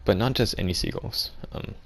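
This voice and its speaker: A young man telling an absurd comic story deadpan, rambling and halting with lots of restarts. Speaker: vlogger.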